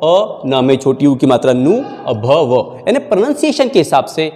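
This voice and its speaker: A male teacher, explaining correct spellings and repeating words slowly, syllable by syllable. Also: a little high, sing-song, dark tone. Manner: mixes in Marathi phrases. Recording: long hall reverb.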